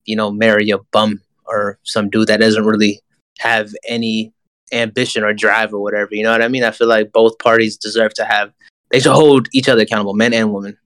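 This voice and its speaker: A man's voice: lowish voice, flat delivery, fairly quick, fairly bright tone, no echo, rough recording. A young American man chatting casually as a podcast guest, in slangy speech with frequent conversational tags. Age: young adult. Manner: slangy, peppered with "man" and "you know". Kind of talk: casual chat.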